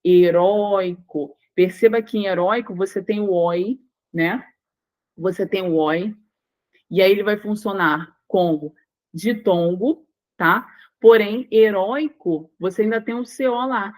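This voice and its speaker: A woman's voice: mid-range voice, unhurried, poor audio. Brazilian woman teaching, stressing syllables. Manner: explains step by step, stressing syllables, checks in with "tá?" and "né?". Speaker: Portuguese language teacher. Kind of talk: online exam-prep lesson.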